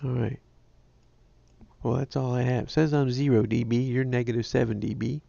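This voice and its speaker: Nasal, gravelly-voiced man. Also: mid-range voice, level tone, normal speed, warm tone, no echo, dull audio. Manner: rambling, self-deprecating. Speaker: ham radio livestream host. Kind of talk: casual chat.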